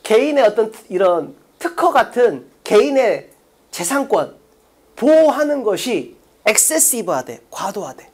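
A woman lecturer with a fairly high voice runs an online exam-prep class. She talks briskly and drills her points, firing off short check-questions. She slips into casual, chatty asides between points. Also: big pitch swings, a little mellow, husky.

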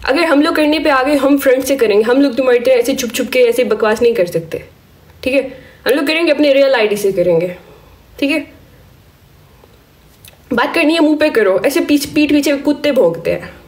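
A social media creator on a live stream, a woman with a high, hoarse, sore-throated voice, delivers a stern warning rant. She scolds her viewers and asks "okay?" after each point.

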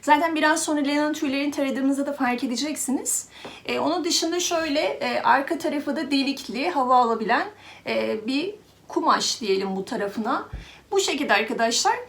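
A woman with a high voice talks casually and warmly to her viewers, addressing them as friends. She explains a product at an easy, chatty pace and now and then coos to her cat. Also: animated, a little fast. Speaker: pet vlogger.

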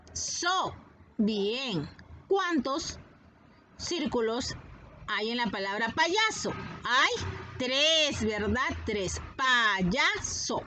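A woman teaching a reading lesson to young children, sounding out each syllable slowly and encouraging them warmly. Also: a little high, a little hiss or hum.

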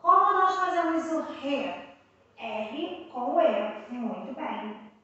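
A Brazilian woman teacher with a high, bright voice leads young children through their reading lessons. She speaks very slowly, stretching out each syllable and repeating it patiently. Her voice comes from a distance in an echoey room, with a dull recording. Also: animated. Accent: Brazilian Portuguese. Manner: drawn-out syllables, patient repetition, prompting questions. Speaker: primary school teacher. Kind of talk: slow, clear classroom instruction for young children.

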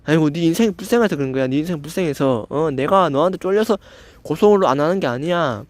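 Young guy with a stammer going off at a hater, kinda high voice, super dry close mic. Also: expressive, fast talker, no room sound. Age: young adult. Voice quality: stammers, slightly slurred pronunciation. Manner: confrontational, swearing, constant filler "eo". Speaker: channel host. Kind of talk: angry rant at a commenter.

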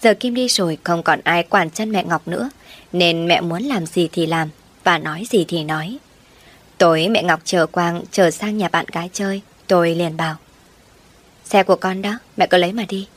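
Low-voiced woman narrating a story. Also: moderate pace. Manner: steady storytelling. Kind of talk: scripted first-person narration.

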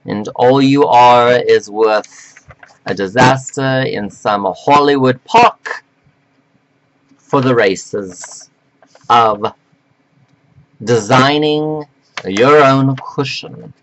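A man delivering a slow, preachy, scolding monologue to men, reading from notes with sudden jumps in pitch. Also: lo-fi sound. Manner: reads from notes. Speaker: self-styled life coach addressing men. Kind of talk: lecturing monologue to camera.

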